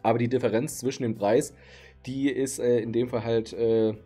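With faint music in the background, a man in his thirties gives a laid-back card market rundown to camera from his home streaming room. His dark, mid-range voice holds a steady tone at normal speed, though it sounds tired late at night, and he chats freely with lots of fillers.

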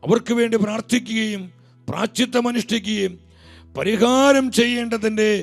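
A Malayali man delivers an impassioned sermon in a high, gravelly voice. He presses his questions with pleading force, then sinks to a hushed, low tone. Soft music plays faintly behind him. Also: moderate pace.

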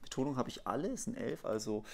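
A man's voice: mid-range voice, fast talker, creaky, a little hiss or hum. A man co-hosting a board game video, casually tallying scores and making dry jokes. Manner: tallies scores aloud, relaxed and dryly joking. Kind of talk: casual let's play commentary.

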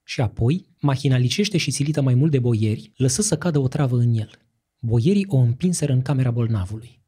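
A man's voice: medium pitch, animated, warm tone, husky. A man narrating a historical novella as an audiobook, with dramatic storytelling. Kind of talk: scripted literary narration.

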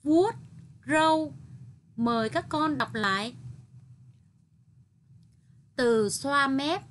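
A female teacher with a Vietnamese accent gives a slow, patient reading lesson for small children. Her voice sits high, and she shapes each sound with care. Faint noise hums under the recording. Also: a bit bright. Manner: over-articulated, patient, sounding out each word. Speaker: primary school teacher. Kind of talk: slow, careful reading lesson for first graders.

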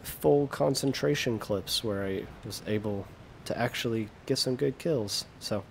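A man's voice: medium pitch, a little slow, creaky, a little hiss or hum. A young American man giving casual, self-deprecating commentary over gameplay, often trailing off mid-sentence. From United States. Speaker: gaming video creator.

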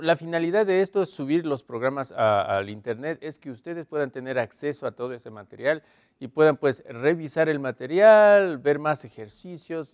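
A man's voice: on the high side, dry recording, studio quality. Man teaching an English lesson. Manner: slow, drawn-out model phrases in English; explanatory, checks in with "¿sí?" and "¿ok?". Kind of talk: televised language lesson.

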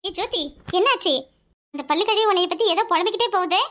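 A high voice playing a righteous young woman. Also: quick pace, sharp tone. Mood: earnest. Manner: earnest, then stern.

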